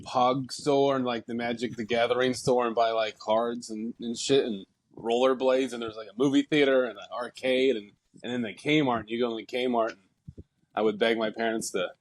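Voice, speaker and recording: A man in his thirties, from the Pacific Northwest, co-hosts a podcast in casual chat. He rambles, stacking "like" after "like" as he goes. His voice has a middling pitch. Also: steady tone, moderate pace. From Bend, Oregon, US. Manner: rambling, full of "like" fillers. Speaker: podcast co-host.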